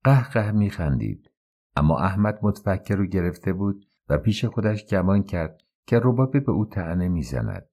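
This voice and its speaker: A man narrating a classic short story in a measured storytelling style. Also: low voice, animated, mellow. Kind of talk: scripted narration.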